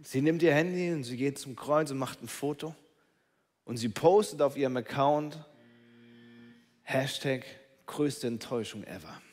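A man preaching a sermon dramatically, swinging between loud calls and hushed whispers. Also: medium pitch, unhurried. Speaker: pastor. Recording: long reverb of a large hall.

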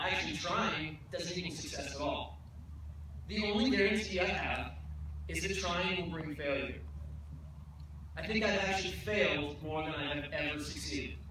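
A man's voice: a little high, pushed and bright. A young man giving a graduation speech from a podium on an outdoor stage, earnest with self-deprecating jokes. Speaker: commencement speaker. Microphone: podium mic, filmed from far off. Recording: echoey PA sound from far off, noisy.

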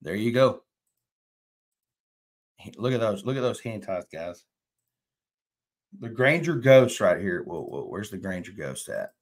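A man from Texas with a lowish voice hosts a casual fishing live stream, very animated yet measured in pace and pausing often. Chatty and drawling, he reads viewer comments aloud from a small indoor room with a plain wall.

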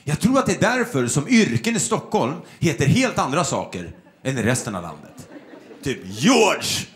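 A man performing a stand-up comedy routine on stage, telling stories and mimicking people in quick bursts, with audience laughter behind him. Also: fairly high pitch, sing-song. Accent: Swedish. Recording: live show with loud crowd.

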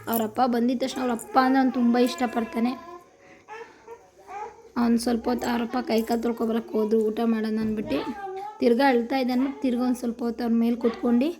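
A woman from Karnataka with a Kannada accent casually narrates a cooking vlog in her home kitchen, chatty and homely, repeating her phrases. Her voice is fairly high, flat in delivery, and fast, with a crowd audible in the background.

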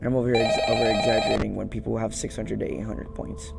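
This gaming video host is a young man playing in a small indoor room at home, offering casual commentary and repeating brief phrases to himself over game music. His voice is fairly low, flat, fast, and creaky, and the recording is very noisy.

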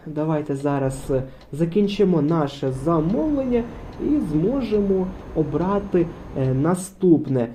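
A man's voice: a little high, expressive, unhurried, mellow, slight background noise. A man hosting a truck game playthrough, rambling in casual commentary with many fillers. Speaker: gaming channel host. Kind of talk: casual let's-play commentary.

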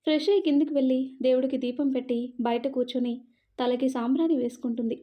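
High-voiced woman narrating a story. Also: fairly even intonation, fast talker, lo-fi sound.

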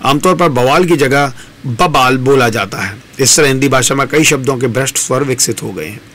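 Man giving a measured pronunciation lesson. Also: mid-range voice, fairly bright tone. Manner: measured, explanatory, stresses example words. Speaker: campus radio presenter. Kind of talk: instructional talk on pronunciation.

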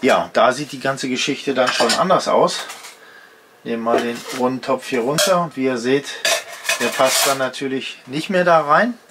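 In a very noisy recording, a man in his fifties with a medium-pitched voice speaks at a normal speed. He's an outdoor gear channel host filming a casual vlog at a workbench in his home workshop, chatting with viewers and explaining each step as he demonstrates it.

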